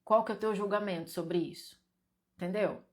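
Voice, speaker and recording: A woman's voice: medium pitch, steady tone, moderate pace. Teasing, direct Brazilian woman host. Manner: direct, teasing, repeats and presses viewers. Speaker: live stream host guiding an exercise. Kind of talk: live stream teaching, reading viewer comments aloud.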